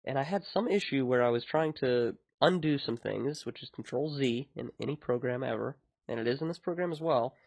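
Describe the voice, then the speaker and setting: A man's voice: medium pitch, brisk, gravelly, no echo. A man hosting a podcast, talking in a casual, rambling way about his own work. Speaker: podcast host and indie game developer.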